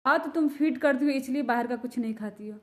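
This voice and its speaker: A woman's voice: high-pitched, fairly quick, a little mellow, close to an everyday voice. A woman voicing a chatty older grandmother who lectures a young mother with old home remedies. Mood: gossiping. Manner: chatty, lecturing, full of advice.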